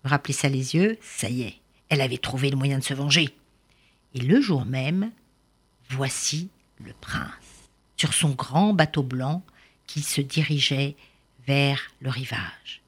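A woman storyteller reading a folk tale aloud for children in an expressive, animated way. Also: very deep voice, a little slow, slightly rough.

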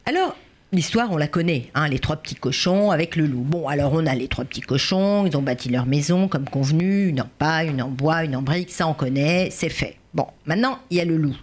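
Husky woman narrator for a kids' radio story, very animated, expressive. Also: deep voice, brisk. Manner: lively, expressive narration for children.

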